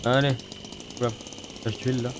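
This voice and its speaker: A gaming video host with a head cold gives casual, sweary let's-play commentary, mock-grumbling through a stuffy, sniffly nose. His voice is medium-pitched and level, at a moderate pace. The recording is noisy with the game's car engine and rattling mechanical clatter.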